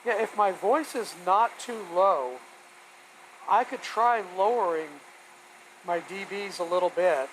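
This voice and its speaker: In a home woodworking shop, a hobbyist talks through his work on a live stream, casual and folksy, rambling as he thinks aloud. He speaks at a measured pace in a medium pitch, and the low-quality recording picks up a shop vacuum running steadily.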